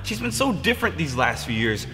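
An actor playing a suspicious, anxious young boyfriend in a comedy web series, halting and repeating himself. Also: male voice, a little high, sing-song, bright, forceful tone. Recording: long room reverb, music behind.

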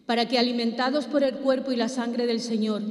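A woman lector reading the intercessions at Mass in a measured, solemn way. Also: a little high, steady tone. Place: large church. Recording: echoey church with long reverb.

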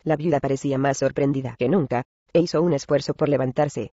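A man narrating a classic story in Spanish, in measured storytelling style, addressing the listeners as gentlemen. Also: mid-range voice, steady tone, dry recording, lo-fi sound. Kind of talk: scripted narration.

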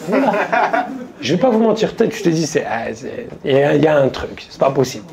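A man doing stand-up, telling a story in a casual, slangy way to a live audience, quoting his friends in quick asides. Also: on the high side, very animated, vocal fry, warm tone, some chatter behind. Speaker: stand-up comedian. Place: stage before a live audience.

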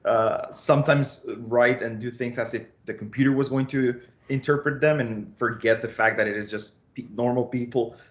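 A man's voice: medium pitch, steady tone, moderate pace, few pauses. A man in his thirties from Costa Rica, speaking as a data analytics instructor on a video call, explaining in a friendly way with frequent restarts. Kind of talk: online workshop presentation. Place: small home office. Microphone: webcam on a video call.

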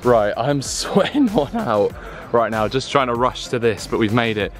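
A man's voice: mid-range voice, sing-song, normal speed, over music. A young man from England, talking casually to a handheld camera outdoors as he vlogs his travels, rambling with fillers. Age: young adult. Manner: chatty and rambling, with fillers and laughs. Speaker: vlogger. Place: outdoors in old town streets and by the sea. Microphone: handheld compact camera at arm's length.

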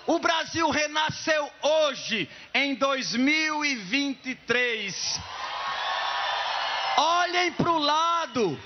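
A man from Pernambuco, Brazil, declaiming rhyming folk poetry on an outdoor festival stage, shouting and chanting his verses to a crowd. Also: very high voice, expressive, drawn-out words, long pauses, dull audio, faint music behind. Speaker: poet performer on stage.

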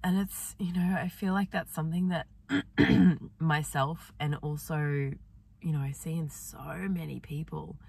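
A woman vlogger talking softly and gently in a reflective personal diary, her voice affected by a sore, swollen throat. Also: sits low, fairly even intonation, unhurried, creaky, slightly rough, recorded from a distance. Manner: soft, gentle, meandering, with many fillers.

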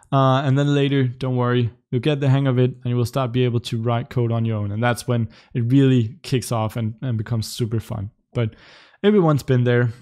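Streaming from his room in front of a webcam, a twentysomething native Danish speaker from Denmark casually fields questions from chat. His mid-range voice stays relaxed and talkative, broken up by light laughs.

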